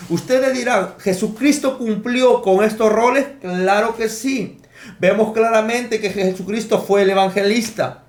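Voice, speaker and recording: A man preaching a sermon, teaching emphatically and counting out his points. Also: high-pitched. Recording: echoey room.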